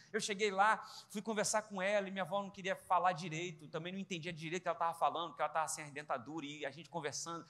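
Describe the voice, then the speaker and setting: A man tells a comic story from the pulpit in a high, quick voice, snapping between the people in it as he acts out their lines. His voice rings bright and carries a long reverb through a large hall. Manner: animated, quotes family in quick dialogue. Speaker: preacher. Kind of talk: humorous sermon storytelling.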